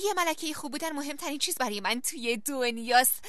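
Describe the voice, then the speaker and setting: A woman's voice: high-pitched, animated, a bit bright. An actress playing a cheerful young troll queen in a cartoon film dub, with a bubbly, upbeat manner. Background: music.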